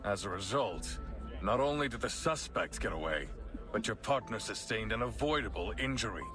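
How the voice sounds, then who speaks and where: A man's voice: lowish voice, expressive, music in the background, close to an everyday voice. A man voicing a stern police deputy chief. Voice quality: firm, measured, authoritative. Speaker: game character voice. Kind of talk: voiced game dialogue.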